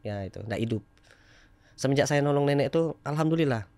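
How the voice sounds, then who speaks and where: A man, telling his personal story candidly as a podcast guest and growing loud and emphatic at times. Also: mid-range voice, a little fast, no echo. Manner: animated, rising to loud emphatic bursts.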